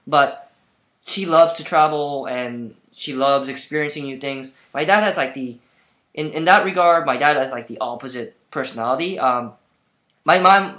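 A man's voice: mid-range voice, sharp tone. Rambling young man on a laptop webcam. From South Korea. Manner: chatty, rambling, with frequent restarts and fillers. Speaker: vlogger. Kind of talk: casual webcam monologue. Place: small room indoors. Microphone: laptop built-in camera mic.

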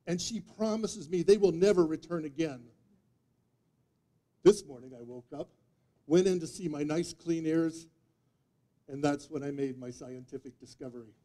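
A man in his 50s with a mellow, higher-pitched voice tells a humorous tall tale as a speech contest entrant, speaking at a moderate pace with long pauses. He performs indoors in a meeting room before a live audience, recorded by a distant audience camera mic.

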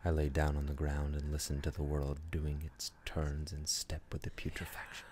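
A man's voice: very deep voice, completely flat delivery, moderate pace, a little mellow, slightly rough. A man playing a bitter, tormented young prince Hamlet in a theatrical, brooding radio-play monologue that slips between whispers and outbursts. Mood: hushed, brooding. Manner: brooding, dramatic, sardonic, slipping into whispers and outbursts. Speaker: performer in a student radio play. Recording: noisy amateur recording with ambient effects.

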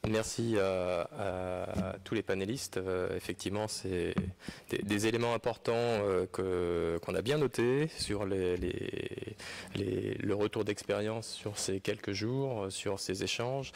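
A man's voice: lowish voice, fairly even intonation, slow, creaky, a little hiss or hum. A man moderating a conference, closing with hesitant remarks full of fillers and then reading a speech aloud, with a French accent. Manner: hesitant, many fillers and restarts.

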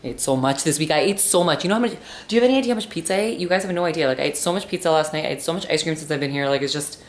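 A woman's voice: deep voice, very fast. A woman in her thirties chatting casually into a handheld camera, rambling in a self-mocking way. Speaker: vlogger. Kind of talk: casual vlog chat. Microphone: camera held at arm's length. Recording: noisy handheld camera audio.

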